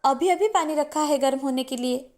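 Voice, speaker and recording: A woman voicing a gentle, dutiful young daughter-in-law who speaks softly and respectfully in a cartoon story. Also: sits high, normal speed. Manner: soft-spoken, respectful, meek.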